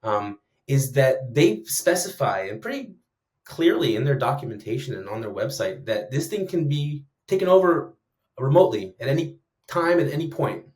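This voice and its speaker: A man in his thirties chatting casually on a podcast, rambling and animated. His pitch leaps up when he gets worked up, then he drops back down into quieter asides. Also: normal speed. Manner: animated, rambling, many fillers and restarts. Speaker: guest speaker on conversation design.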